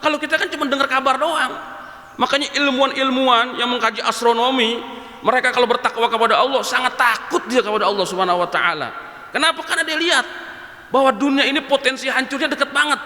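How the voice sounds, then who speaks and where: High bright-voiced male preacher. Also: fast talker. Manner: lively storytelling, animated quoting. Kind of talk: sermon. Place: mosque. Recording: echoey hall.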